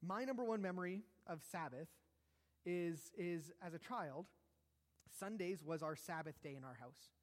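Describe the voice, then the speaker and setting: A pastor preaches a sermon in a slightly high voice at a moderate pace, and the recording carries long hall reverb. His style is conversational and self-deprecating, with jokes and asides.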